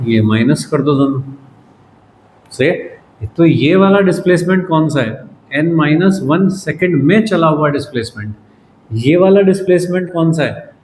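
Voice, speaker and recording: A man teaches a physics class in casual Hindi, quizzing his students and teasing them now and then. His voice is on the high side and a little mellow, and the room is echoey with faint noise.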